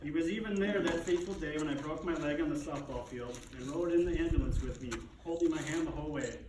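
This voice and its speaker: A man's voice: on the high side, quick pace. Echoey, distant man giving a eulogy, grieving with dignity. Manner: dignified, restrained grief with wry fond humor. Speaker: son giving a eulogy for his father. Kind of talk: prepared eulogy speech. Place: echoey room, speaking to a gathering. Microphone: distant microphone. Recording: echoey, distant, noisy room recording.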